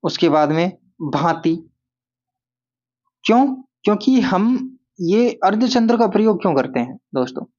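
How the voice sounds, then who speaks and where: A male teacher gives a classroom-style Hindi grammar lesson in a voice that sits high, repeating key words and asking and answering his own questions. The audio sounds dull.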